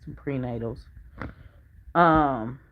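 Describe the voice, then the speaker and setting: A woman's voice: extremely low pitch, extremely slow, phone-quality sound. A middle-aged woman, a family vlogger, telling a personal story to her viewers in a chatty, earnest way. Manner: chatty and earnest, drops to a hush when retelling what others said.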